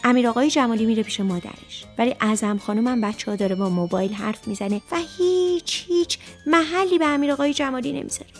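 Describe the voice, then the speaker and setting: A woman narrates a children's puppet show and speaks directly to the young audience. Her voice sits a little high. Faint music plays behind her. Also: hardly any pauses.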